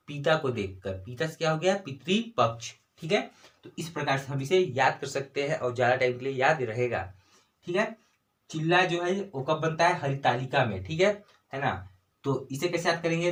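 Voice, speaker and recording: With a slightly high, animated voice at a moderate pace, a Chhattisgarhi-accented Hindi tutor leads an exam-prep lesson. Questions he raises himself get answered right away, and "ठीक है" and "है ना" come up constantly.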